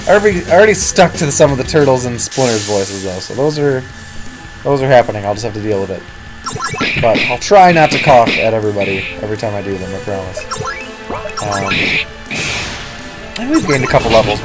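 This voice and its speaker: A man giving casual, rambling commentary on a role-playing game, his throat sore and prone to coughs. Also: mid-range voice. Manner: chatty, rambling, self-correcting. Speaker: let's-play host. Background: game music.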